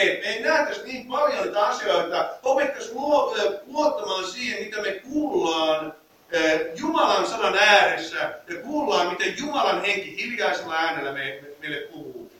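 A man's voice: high voice, sharp tone. A man preaching a sermon, reading scripture aloud and then explaining it in his own words, with fillers and restarts. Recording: echoey room heard from a distance.

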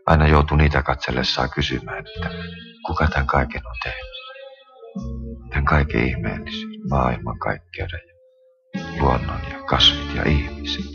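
A man's voice: a bass voice, gravelly. A man giving an earnest spoken conversion testimony, telling it in a plain, colloquial storytelling way. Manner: earnest, colloquial storytelling with a recurring stock phrase. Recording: dull lo-fi recording with music behind.

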